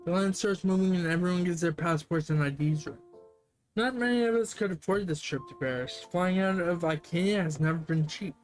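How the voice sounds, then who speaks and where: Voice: mid-range voice, brisk, faint music behind. A streamer reading a dating game aloud on a live stream, with sarcastic, swearing asides. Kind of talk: live game read-through with commentary.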